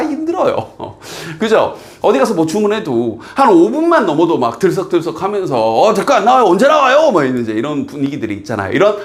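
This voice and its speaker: A man from South Korea, teaching an English exam passage in a lively lecture, reading English lines slowly and explaining them quickly. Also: sits high.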